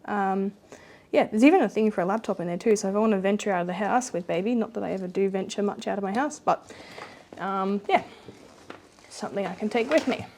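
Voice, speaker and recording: A woman's voice: medium pitch, fairly quick, darkish tone, a little hiss or hum. A young woman giving a casual, rambling walkthrough of her baby's nursery at home, with lots of fillers. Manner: chatty, rambling, many fillers. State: pregnant, with hiccups. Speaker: vlogger.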